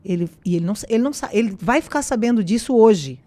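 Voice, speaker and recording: A woman, a podcast guest sharing a personal faith testimony in a casual, animated way, acting out the dialogue she retells. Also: a little high, fast talker. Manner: animated storyteller who acts out quoted dialogue.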